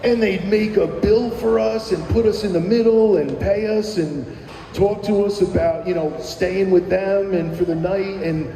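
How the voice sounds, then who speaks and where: Over soft background music, a middle-aged man from New Jersey, a musician guest, recalls the past at a measured pace in a high, mellow voice. His interview talk rambles, with many fillers and restarts, in an echoey room with long reverb.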